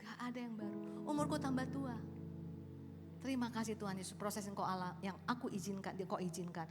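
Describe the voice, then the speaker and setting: A woman in her late fifties preaches to a congregation, swinging from low asides into loud, lively exclamations. Her voice carries a long reverb through a large hall, with soft music playing underneath. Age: 50s. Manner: animated storytelling, rising to loud exclamations. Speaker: pastor. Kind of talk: sermon. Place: large church auditorium.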